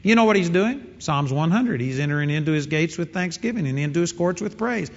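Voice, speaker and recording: A man's voice: fairly high pitch, expressive, brisk, faint music behind. A man preaching a sermon in an earnest, emphatic way, repeating his key phrases. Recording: dull sound in a reverberant hall.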